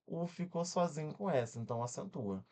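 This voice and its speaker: Lively Brazilian man teaching grammar. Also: on the high side. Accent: Brazilian Portuguese. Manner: energetic, checks in often with quick questions; spells words out syllable by syllable. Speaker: exam-prep grammar teacher. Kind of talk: online exam-prep lesson.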